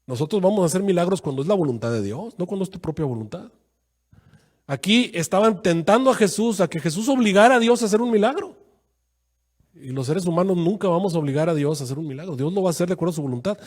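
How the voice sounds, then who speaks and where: A man preaching a sermon as pastor, acting out quoted voices with sudden jumps in pitch. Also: expressive, quick pace, darkish tone.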